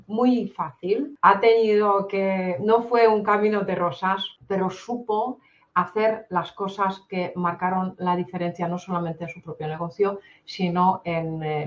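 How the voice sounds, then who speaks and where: A woman in her forties with a Spain Spanish accent, hosting an interview and introducing her guest, talking haltingly with many fillers. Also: medium pitch. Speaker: host. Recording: dull lo-fi sound.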